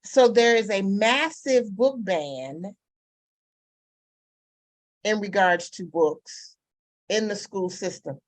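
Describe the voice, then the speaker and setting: A woman's voice: mid-range voice, slow, long pauses, dry recording, poor audio. A woman speaking on a discussion panel, making an impassioned argument and building her points with examples.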